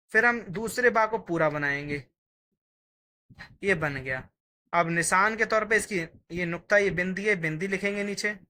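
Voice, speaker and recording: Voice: mid-range voice, sharp tone. A teacher giving a patient, step-by-step Urdu writing lesson, sounding out each letter while writing it.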